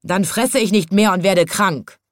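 A woman voicing a proud, lazy, grumpy male lion in a children's storybook, roaring and growling loudly. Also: mid-range voice, unhurried, dry recording, clean studio sound, pitched above the performer's own voice, natural voice. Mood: demanding. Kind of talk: storybook reading.

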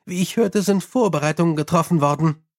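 A man's voice: fairly high pitch, brisk, lightly acted. Man doing an earnest young police captain. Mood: dutiful.

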